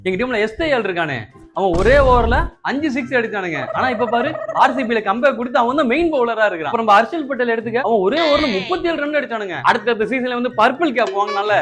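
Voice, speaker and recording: A man's voice: very high-pitched, animated, fast, music in the background. Man doing whiny comic cricket troll voice-over. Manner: mock-dramatic, whiny comic delivery. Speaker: troll video voice-over artist.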